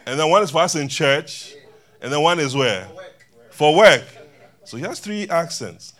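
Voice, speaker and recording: A man's voice: on the high side, animated, moderate pace, fairly bright tone. A man preaching a sermon to a church congregation in a loose, conversational way, joking and chatting with the people in the pews. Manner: conversational, laughing, banters with congregation.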